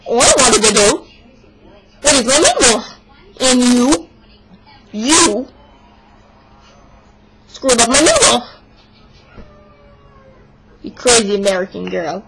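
In a noisy home video, a young woman performs a comic monologue as a stubborn young Russian woman, using a put-on Russian accent and broken English with dropped articles. Her exaggerated voice is fairly high, animated and creaky, and she goes slowly, pausing often, complaining indignantly and over the top.

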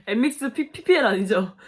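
A young woman's animated reaction to a dating show episode comes with plenty of laughing and exclaiming at the screen as she talks to her followers. Her voice is fairly high and slightly rough.

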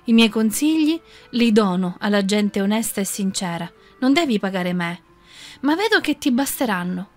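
A woman voicing a calm, kindly old male village sage who speaks with assurance. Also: medium pitch, moderate pace, natural voice.

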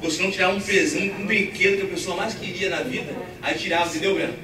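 A man from Brazil, a pastor preaching a sermon, animated and laughing as he acts out family stories. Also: sits high, fast. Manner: animated storyteller acting out family scenes, laughing often. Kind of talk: sermon with storytelling. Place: church hall. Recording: echoey church hall from far off, noisy.

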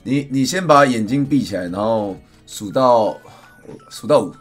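A man, a live streamer chatting and ranting loudly and mixing in English phrases. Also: medium pitch, expressive, a little slow, faint music behind. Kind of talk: casual livestream chat.

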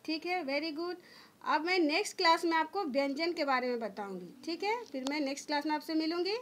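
A woman's voice: sits high, expressive, a little hiss or hum. A woman school teacher giving an online grammar lesson to children, patiently explaining step by step and answering her own questions. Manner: drawn-out demonstration sounds.

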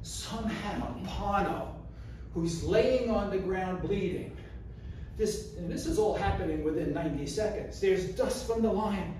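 Guy telling a wild story on stage, high voice, unhurried, big echoey hall, far from the mic. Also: slight background noise. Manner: animated, acts out scenes with gestures. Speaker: public speaker. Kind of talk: storytelling speech. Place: community hall, indoors, large room. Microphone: far camera, no mic.

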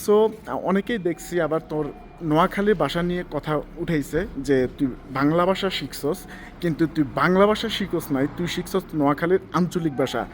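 Male interviewer with a high voice, mixes English words into his Bengali questions, faint noise behind. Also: brisk.

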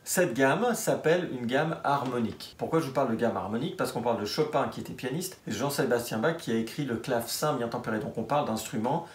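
A man's voice: medium pitch, quick pace, hardly any pauses, roomy sound. A man giving a music theory lesson as a piano teacher, explaining step by step and asking and answering his own questions. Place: room with a piano.

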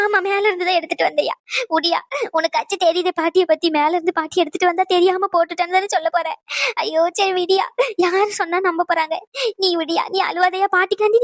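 A woman's voice: very high-pitched, no echo. A woman voicing a scheming elderly grandmother in a cartoon, wheedling and playing the victim, recorded dry. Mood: coaxing. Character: scheming elderly grandmother, crafty and self-pitying. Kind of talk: cartoon voice acting.

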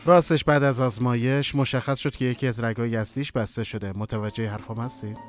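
An actor dubbing a doctor who explains an operation calmly and reassures the family. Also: male voice, medium pitch, soft background music, natural voice. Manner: calm, reassuring. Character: calm reassuring male doctor. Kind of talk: Persian dubbing of a drama series.

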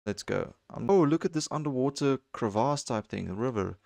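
A young man giving excitable let's-play commentary on a video game, jumping into high squeals when something thrills him. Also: moderate pace, vocal fry, no room sound. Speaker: gaming channel host.

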